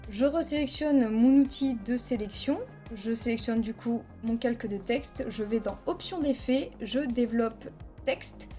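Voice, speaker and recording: Soft music runs behind a woman whose fairly high, warm voice moves a little slowly. She's recording a screen-capture tutorial on video editing with a headset mic, laying out each step clearly and counting frames as she goes.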